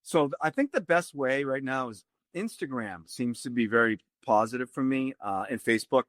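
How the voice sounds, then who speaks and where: With a Boston accent and a mid-range, slightly bright voice, a tai chi teacher guests on a podcast, earnestly and slowly spelling out the details. There is no echo.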